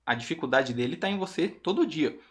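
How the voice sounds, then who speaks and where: A man with a Brazilian Portuguese accent teaching English online, who explains patiently and reads example sentences slowly. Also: fairly high pitch, lively intonation. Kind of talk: online language lesson.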